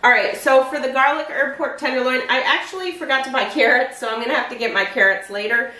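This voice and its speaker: A woman's voice: high voice, fast talker, bright, forceful tone. A woman in her forties chatting casually as she shows her meal prep step by step in her home kitchen. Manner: chatty, explains each step. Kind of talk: casual cooking demonstration. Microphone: far camera. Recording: echoey kitchen from a distance.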